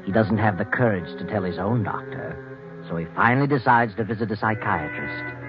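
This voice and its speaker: A man's voice: on the low side, fairly quick. A man reading scripted narration for a 1940s mystery radio drama, on a dull old recording with music behind.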